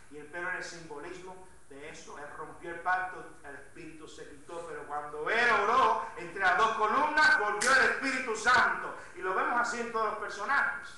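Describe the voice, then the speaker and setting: A man preaching a Sunday sermon in Latin American Spanish as pastor, swinging between emphatic calls and quiet asides and asking the congregation questions. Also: fairly high pitch. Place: church sanctuary. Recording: very echoey church, mic from a distance.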